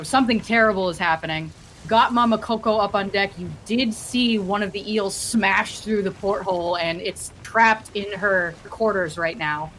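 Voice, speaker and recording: A woman's voice: medium pitch, slight background noise, rough recording. Woman game master setting the scene. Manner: lively, vivid scene-setting. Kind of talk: narrating a tabletop game.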